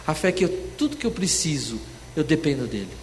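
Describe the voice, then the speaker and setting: Man, church seminar speaker, sermon-style teaching, rhetorical questions to the audience, fairly high voice, long church reverb. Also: sing-song, a little fast, slight background noise. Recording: church room with long reverb, faint ambience.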